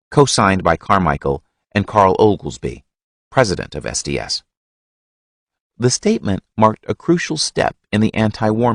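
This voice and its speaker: A man reading a history audiobook in a measured, expressive narration. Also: on the low side, dry recording, studio quality.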